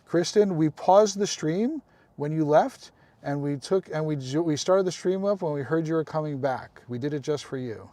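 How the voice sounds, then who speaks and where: A man's voice: fairly high pitch, normal speed, mellow, no room sound. Chatty man streaming live. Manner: chatty, addresses viewers by name, apologetic asides. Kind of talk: casual live-stream chat with viewers.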